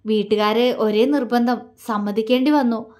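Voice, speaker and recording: A woman voicing a calm young man who speaks softly and gently. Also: a little high, close to an everyday voice. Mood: gentle. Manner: soft, gentle, unhurried. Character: calm young man, soft-spoken groom-to-be.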